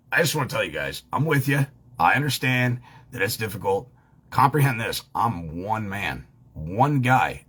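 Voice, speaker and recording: A man's voice: mid-range voice, fairly bright tone. A man giving a heated, profane monologue, swearing freely and hammering his points home. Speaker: online commentator.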